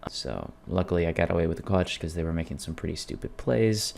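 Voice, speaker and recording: A man narrating his own gameplay in a casual, wry and self-deprecating storytelling voice-over, with a gravelly creak. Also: low voice, animated, fast talker, a little mellow, a little hiss or hum. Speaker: video creator narrating gameplay.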